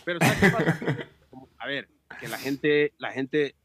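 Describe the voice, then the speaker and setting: A man chatting as a podcast guest, telling animated stories, joking and swearing freely over a remote call. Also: mid-range voice, normal speed, a crowd in the background. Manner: animated storyteller, swears, jokes. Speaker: podcast guest, amateur cyclist. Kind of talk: casual chat.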